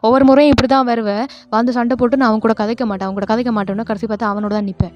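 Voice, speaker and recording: A woman's voice: a little high, fairly even intonation, rapid-fire, a little mellow, natural voice. A woman voicing a jealous, possessive young man who scolds and threatens his boyfriend. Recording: lo-fi voice with faint music.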